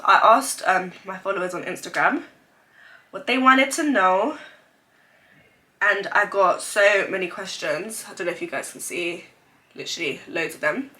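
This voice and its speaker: In a laid-back sit-down vlog, a twenty-something woman with a cold talks candidly, sprinkling in many "like"s. She's sitting at home facing the camera's microphone, and her voice is medium in pitch with a pushed, bright quality.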